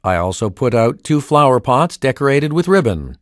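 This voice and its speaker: A man voicing the male parts of a school listening test with clear, evenly paced delivery. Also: medium pitch, big pitch swings, moderate pace, no echo. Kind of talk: scripted test dialogue reading. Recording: dry studio recording.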